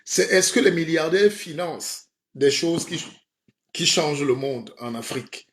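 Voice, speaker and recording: A man's voice: on the high side, lively intonation, unhurried, fairly bright tone. A man playing a comic spiritual guide in a mock sermon on a live stream, playful and rhetorical, often asking his listeners "hein?". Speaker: comedic self-styled spiritual guide.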